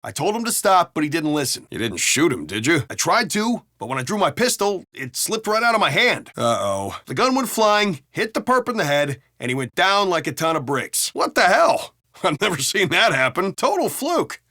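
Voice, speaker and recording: This griping, profane video game cop speaks with an American accent, his slightly high male pitch jumping around in animated, incredulous banter that stays wry and casual. The delivery is heavily acted at a moderate pace, recorded dry and close to clean with no room sound.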